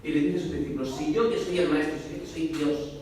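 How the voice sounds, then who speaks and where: A man preaching a sermon, talking fast and emphatically and addressing the listeners directly. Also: on the high side, steady tone, a little mellow, slight background noise. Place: church hall. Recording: echoey hall, voice from far off.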